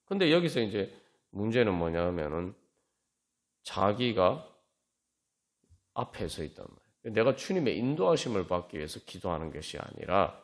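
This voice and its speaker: A male pastor giving a conversational sermon at a prayer meeting, often acting out sample prayers in quoted voices. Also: on the low side.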